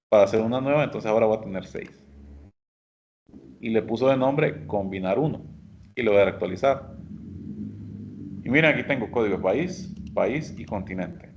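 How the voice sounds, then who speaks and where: A man teaching a software class, explaining each step patiently and speaking directly to his students. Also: mid-range voice, dull audio, slight background noise. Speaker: instructor. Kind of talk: screen-share software lesson.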